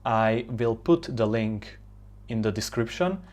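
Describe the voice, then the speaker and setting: A man from Hungary, a native Hungarian speaker with a Hungarian accent, giving an informal language-learning tutorial in halting, searching phrases. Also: fairly low pitch, lively intonation, a little mellow.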